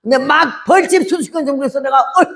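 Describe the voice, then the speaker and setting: Gravelly-voiced woman in her eighties preaching. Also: fairly high pitch, fairly quick. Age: 80s. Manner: animated storytelling, acting out voices. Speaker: missionary. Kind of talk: testimony sermon.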